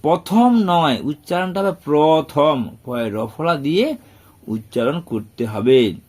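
A man's voice: mid-range voice, expressive, measured pace, a little mellow, husky. A man teaching a primary school lesson, patient and repetitive, counting items aloud. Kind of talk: classroom lesson explanation.

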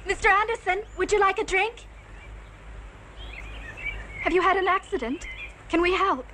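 An actress playing a gentle, yearning young woman in a horror film. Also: very high-pitched, moderate pace. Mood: concerned, kindly. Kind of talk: film acting. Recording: noisy film soundtrack, outdoor birdsong.

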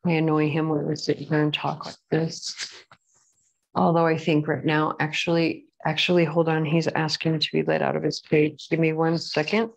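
A woman's voice: deep voice, monotone, normal speed, creaky, slight background noise. A woman giving a casual pick-a-card tarot reading at home, chatty and rambling, with frequent apologetic asides. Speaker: tarot reader. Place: at home with a pet bird.

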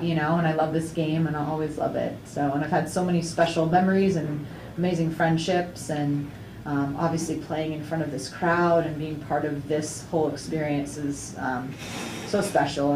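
A young woman, a soccer player, answering questions at a post-game press conference in a chatty, upbeat way, full of fillers and quick laughs. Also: low voice, darkish tone. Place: indoor press room before a sponsor backdrop. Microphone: table mic on a stand, camera at a distance. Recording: echoey room, distant mic, faint noise.

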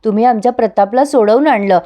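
A woman's voice: on the high side, quick pace, mellow, close to an everyday voice. A woman voicing a dignified elderly grandmother who heads the family. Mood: gracious. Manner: gracious, then firm.

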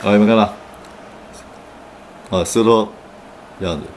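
A man giving an online English pronunciation lesson. He explains patiently with frequent "oh" fillers and models each word slowly. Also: on the low side, slight background noise.

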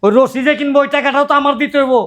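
An actor playing a loud middle-aged father-in-law who keeps berating his idle son-in-law. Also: extremely high pitch, level tone, racing. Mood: furious. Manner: shouting, berating, repetitive rants.

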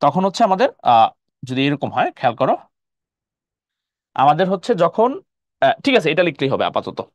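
A male math teacher with a Bangladeshi Bengali accent gives a live online lesson, his pitch rising and falling a great deal. He explains step by step and keeps checking whether the class follows. The sound is dry and close to the mic. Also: big pitch swings, fairly quick, dry recording.

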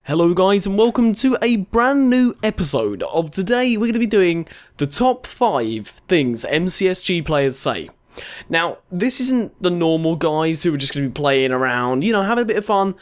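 A young male gaming vlogger with a noticeably high voice talks his way through a countdown, sarcastic and crude, swearing often. His words come out a little slurred from a dental retainer. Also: big pitch swings, normal speed. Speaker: gaming YouTuber. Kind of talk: casual countdown commentary.

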